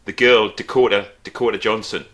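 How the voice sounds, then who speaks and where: Low-voiced man. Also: a little fast. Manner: relaxed, brief agreeing replies. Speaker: podcast co-host. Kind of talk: casual chat.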